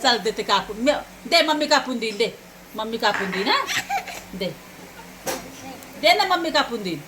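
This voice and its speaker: A young woman from Maharashtra, a mother talking in a casual family vlog, animated, often repeating words in quick calls. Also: fairly high pitch, noisy background. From Maharashtra, India. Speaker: vlogger and mother.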